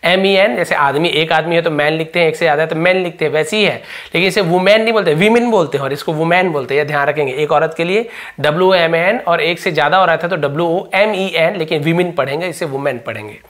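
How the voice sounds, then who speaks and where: A man teaching English grammar in Hindi, explaining step by step, asking and answering his own questions and slowing right down to dictate English phrases. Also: on the high side, a bit bright. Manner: drawn-out slow dictation when writing English phrases.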